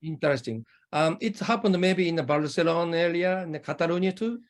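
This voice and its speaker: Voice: medium pitch, lively intonation, a little fast. An interview host, a native Japanese speaker with a Japanese accent, talking in a conversational style.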